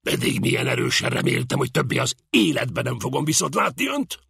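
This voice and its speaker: A short, stocky composer speaks loudly and sternly, as a man puts him on. The voice is husky and swings in pitch, heard close and dry, as in a storybook reading. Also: expressive, no room sound, exaggerated voice. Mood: stern indignant.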